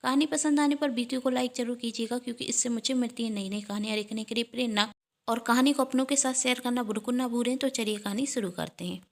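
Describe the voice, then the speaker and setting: A woman's voice: fairly high pitch, quick pace. Woman reading a family story. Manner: steady, clear reading with polite viewer appeals. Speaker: storyteller, channel owner.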